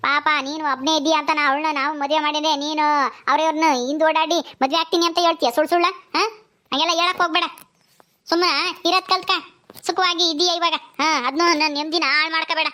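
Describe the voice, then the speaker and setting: A woman's voice: sits high, fairly even intonation, fast, pushed and bright. A woman playing a nagging old village granny. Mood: lecturing. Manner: scolding, nagging, rustic village speech. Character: scolding old village grandmother.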